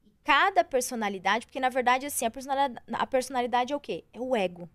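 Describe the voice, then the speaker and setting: A woman coach chatting as a podcast guest, animated and expressive, often acting out her own inner voice. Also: high-pitched, fast, no echo. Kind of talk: casual interview chat.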